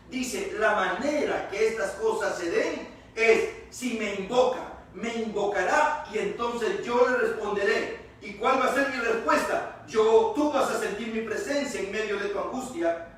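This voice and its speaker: A man's voice: very high voice, fairly bright tone, slight background noise. A male pastor preaching a sermon. He stresses his key words by stretching them out and repeating them. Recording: echoey church hall, voice from far off.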